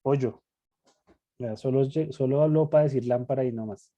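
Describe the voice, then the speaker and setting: A man's voice: medium pitch, normal speed, warm tone, muffled recording. A man leading a casual group Bible study, reflective and self-critical, often repeating his words as he thinks aloud. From Latin America.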